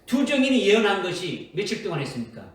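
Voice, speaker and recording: High, lively preacher in an echoey church. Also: male voice, fast. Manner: questions the congregation and keeps checking with "right?". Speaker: pastor. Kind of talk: sermon. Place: church sanctuary. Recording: echoey, from far off in a church hall.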